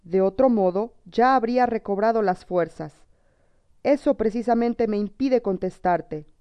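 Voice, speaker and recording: A woman's voice: mid-range voice, a little slow, no room sound, lo-fi sound, lightly acted. A woman voicing a shrewd king who speaks solemnly and scolds in a storybook tale. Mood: scolding. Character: shrewd king, grave and commanding.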